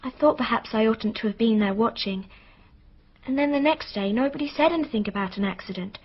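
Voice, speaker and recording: In a radio drama, a young girl plays a witness, speaking in a high, breathy voice a little quickly. Earnest and hesitant, she sounds like she's confiding a secret while recounting something that haunts her. The recording is dull and muffled.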